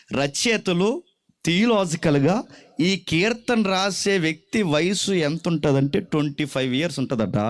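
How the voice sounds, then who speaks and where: A man preaching a sermon in a Telugu accent, impassioned and pleading, swinging between high cries and low asides.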